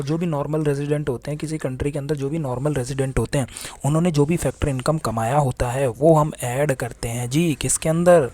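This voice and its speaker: A man's voice: mid-range voice, mellow. A young man teaching economics in a casual classroom lecture, writing on a board as he talks, asking questions and answering them himself in a chatty way. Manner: chatty, asks and answers his own questions, voices imagined students.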